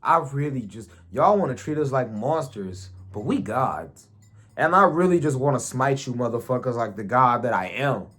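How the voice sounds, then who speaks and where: A man's voice: medium pitch, expressive, moderate pace, fairly bright tone, slightly rough. A man voicing a proud, godlike older male mutant who makes grandiose threats. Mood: menacing.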